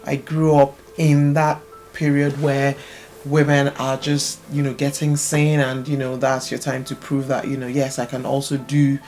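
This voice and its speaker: A woman in her thirties, raised in Nigeria, speaks in a slightly gravelly, mid-pitched voice with soft music playing faintly behind her. She explains things thoughtfully and at length, often pausing on "um" and "you know.". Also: level tone. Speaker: guest, business owner. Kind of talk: casual interview chat.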